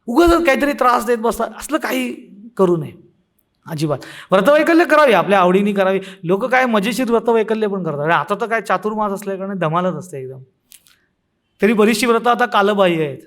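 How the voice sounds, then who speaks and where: A man's voice: high-pitched, expressive, a little fast, fairly bright tone. A man, a spiritual teacher, giving a devotional discourse that mixes humorous parables with quoted saint verses and occasional laughs.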